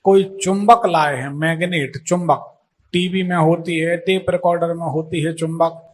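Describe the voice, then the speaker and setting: A man with a high voice acts as an astrologer on a call-in consultation. He talks assertively, asks leading questions and cuts the caller off. A faint hiss sits under the recording. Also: steady tone, moderate pace.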